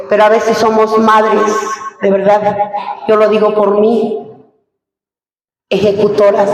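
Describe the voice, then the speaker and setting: A middle-aged woman pastor gives an emotional church testimony, asking her congregation rhetorical questions. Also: a little high. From Mexico. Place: large church hall. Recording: echoey hall heard from far off.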